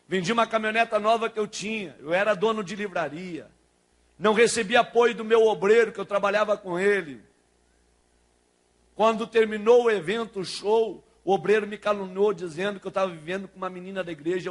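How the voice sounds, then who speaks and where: Pastor guy with a high voice, tells a story in his sermon, acts out the talking, gets loud and fired up. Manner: tells a story acting out dialogue, building to loud preaching. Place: church sanctuary.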